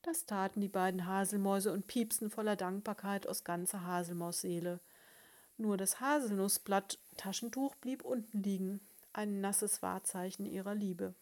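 A woman reading a storybook aloud in a calm, even narration. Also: medium pitch, normal speed.

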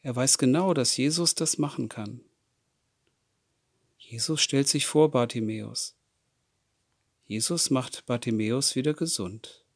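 A man's voice: medium pitch, measured pace, long pauses, dry recording, clean studio sound. A man telling a Bible story to children, often stopping to ask them questions. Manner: asks the listening children questions.

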